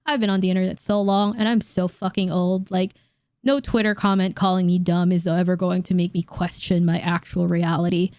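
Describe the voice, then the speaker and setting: A woman in her late twenties reacting to online comments in a casual vlog, blunt and quick to laugh, swearing casually. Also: fairly low pitch, little pitch movement, darkish tone, clear, resonant tone, no room sound, studio quality. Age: late 20s. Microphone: dynamic studio mic.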